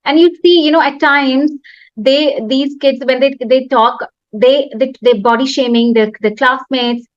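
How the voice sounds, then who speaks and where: A woman co-hosting a casual talk show, speaking haltingly with many repeats and fillers. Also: high-pitched, steady tone, no echo. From India. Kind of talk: casual chat. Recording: dull, dry lo-fi sound.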